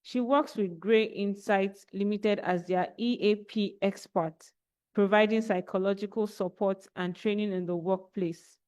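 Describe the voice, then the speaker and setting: A Nigerian woman reads out a speaker's biography in a steady, formal way. Her pitch is ordinary, and she reads at an even pace. Her voice comes through a video call microphone. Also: measured pace. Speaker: barrister reading a guest speaker's bio. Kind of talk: reading a biography aloud.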